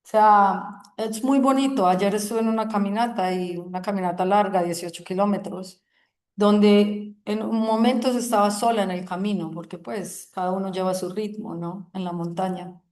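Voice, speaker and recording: A woman teaching a yoga group in a gentle, reflective way, often checking in with the listeners. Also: medium pitch. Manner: slow, soothing, asks "¿sí?" often. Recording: roomy echoing room.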